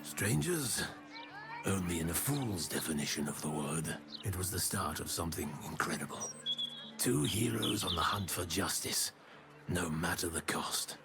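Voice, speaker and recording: An actor voicing a video game cat that narrates like a brooding, solemn, hardboiled noir detective. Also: male voice, deep voice, lively intonation, unhurried, full character voice. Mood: brooding, grave. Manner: hardboiled noir detective monologue, grave and dramatic. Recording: clear music underneath. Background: music.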